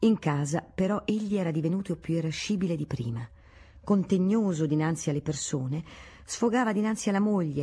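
Audiobook narrator, woman, low mellow voice, steady measured reading. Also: husky. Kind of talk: audiobook narration of a classic novel.

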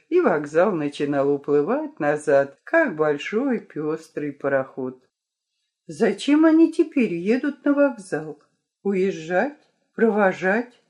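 Expressive woman reading a children's story. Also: medium pitch. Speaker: narrator. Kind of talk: storybook narration.

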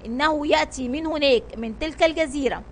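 A woman's voice: high voice, quick pace, natural voice. A woman voicing a loyal, anxious male sailor who calls out to his captain in a children's story. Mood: puzzled. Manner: anxious calling out. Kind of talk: storybook reading.

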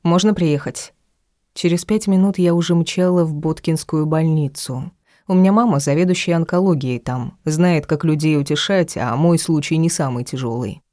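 A woman reading a first-person audiobook in a measured, intimate storytelling manner. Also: deep voice, mellow, no room sound, studio quality. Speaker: audiobook reader.

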